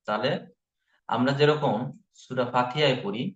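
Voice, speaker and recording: In an online Quran recitation lesson, a man patiently repeats each letter sound slowly for his learners. His voice is mid-range, and the recording is muffled and reverberant.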